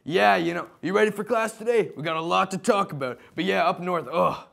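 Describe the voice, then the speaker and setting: A chummy, rambling English teacher, played by a young man as a comic teacher impression. The voice is high for a man and extremely creaky, chatty and gushing. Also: a bit bright, full character voice. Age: young adult. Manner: chatty, gushing, drawn-out words. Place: school classroom.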